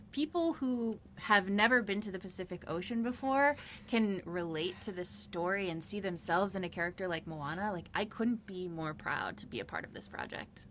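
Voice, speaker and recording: A woman's voice: medium pitch, a bit bright, slight background noise. A woman film director answering interview questions in a heartfelt, earnest way.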